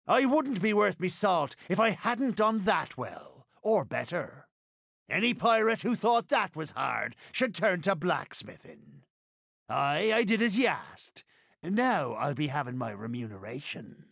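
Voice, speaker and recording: Gravelly, swaggering pirate captain Barbossa. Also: male voice, sits high, very animated, measured pace, a bit bright, no room sound, clean studio sound, exaggerated voice. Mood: proud, boastful. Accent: theatrical West Country pirate. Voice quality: gravelly, raspy. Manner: theatrical, rolling archaic pirate phrasing. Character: gruff, swaggering, boastful older pirate captain. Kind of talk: video game character voice lines.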